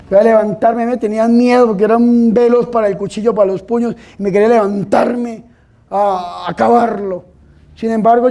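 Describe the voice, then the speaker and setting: High-voiced Colombian priest giving testimony. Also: male voice, dark tone. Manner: emphatic storytelling, repeatedly urging listeners to pay attention. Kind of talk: testimony talk to a live audience. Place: event hall with an audience.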